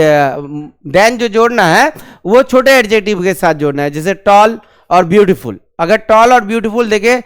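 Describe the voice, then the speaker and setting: A man teaches a grammar class, often putting questions to his students and repeating the key terms. His voice sits high and sounds smooth and resonant. He drills the terms slowly, again and again.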